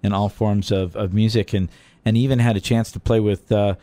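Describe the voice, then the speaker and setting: A man's voice: on the low side, steady tone, normal speed, warm tone, dry recording. A man hosting a radio show, chatting casually with a guest in the studio, with easygoing delivery and frequent filler words. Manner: easygoing, lots of filler words, lists names. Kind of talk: casual radio interview chat. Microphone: studio microphone.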